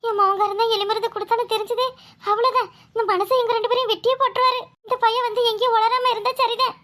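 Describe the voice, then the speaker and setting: A woman voicing a scheming village daughter-in-law in a cartoon, sobbing and lamenting loudly in a southern Tamil village dialect. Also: extremely high pitch, steady tone, fast. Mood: fretful scheming. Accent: southern Tamil Nadu village dialect. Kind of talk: cartoon voice acting.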